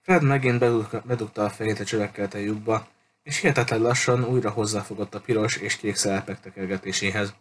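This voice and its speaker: A man reading a children's novel aloud in an unhurried storytelling manner, with small restarts. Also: lowish voice, steady tone, slight background noise. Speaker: audiobook reader.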